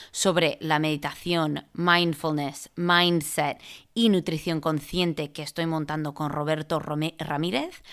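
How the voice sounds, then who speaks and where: Female podcast host, slightly low voice, informal and chatty interview delivery. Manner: informal, conversational. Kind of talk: casual podcast interview chat.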